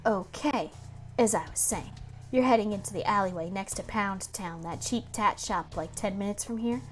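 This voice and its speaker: A woman's voice: medium pitch, normal speed, faint music behind, close to an everyday voice. A woman voicing a brash, foul-mouthed young woman who deals in shady books and bosses her friend around. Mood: instructing. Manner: blunt, swearing, bossy.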